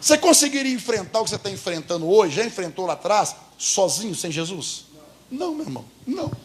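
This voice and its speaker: A Brazilian pastor preaching to his church in a high, ringing voice. He is emphatic and keeps throwing questions back at the congregation, driving each point home. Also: big pitch swings, fairly quick. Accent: Brazilian Portuguese. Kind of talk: sermon.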